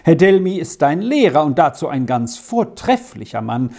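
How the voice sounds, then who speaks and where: A woman acting composed storybook mother, firm, mellow, low. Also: big pitch swings, normal speed, vocal fry, heavily acted. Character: calm firm mother, a magistrate's wife.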